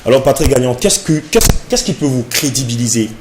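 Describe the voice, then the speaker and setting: Male TV interviewer, quick and probing, formal phrasing, roomy studio sound. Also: mid-range voice, animated, background noise. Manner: probing, long formal questions.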